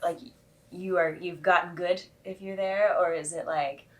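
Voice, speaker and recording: A woman's voice: on the low side, fairly even intonation, measured pace. A woman chatting casually as a beginner being coached, asking questions and giving brief, attentive acknowledgements.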